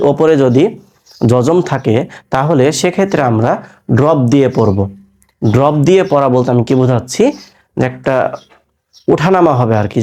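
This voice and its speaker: A man teaching Quran recitation rules in a patient classroom lesson, spelling out syllables, asking his listeners questions and chanting words slowly. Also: medium pitch, a little mellow. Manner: patient, repeats syllables and asks rhetorical questions.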